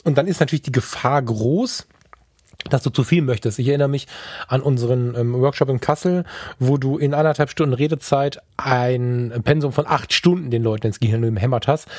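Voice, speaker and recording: A man co-hosting a podcast, talking casually and colloquially, lively and sometimes stammering. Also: mid-range voice, fairly quick, no room sound, studio quality. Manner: energetic, colloquial, stammers at times. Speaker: podcast co-host and photographer.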